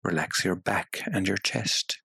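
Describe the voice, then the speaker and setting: Man, meditation guide, deep voice, husky, unhurried, soothing hypnotic delivery. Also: bright, forceful tone, no echo. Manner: slow, soothing and hypnotic, with long pauses.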